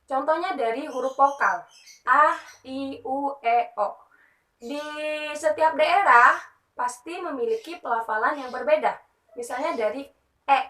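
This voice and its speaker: Slow, bright-voiced woman teacher. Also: high voice, roomy sound, far from the mic, rough recording. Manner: slow, patient explaining with frequent "nah" and "ya". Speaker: primary school teacher. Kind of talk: teaching a lesson for young children.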